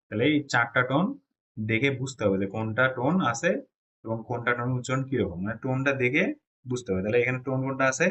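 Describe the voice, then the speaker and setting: A Bangladeshi teacher with a mid-range, fairly bright voice leads a class on Chinese pronunciation. His explanations go one step at a time, with frequent checks on whether students are following.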